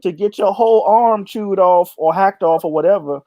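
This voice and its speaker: A man's voice: high-pitched, normal speed, no room sound. A man in his late twenties, co-hosting a casual chat show, telling stories with a playful, teasing manner. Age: 20s. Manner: animated storyteller, playful teasing. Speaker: co-host.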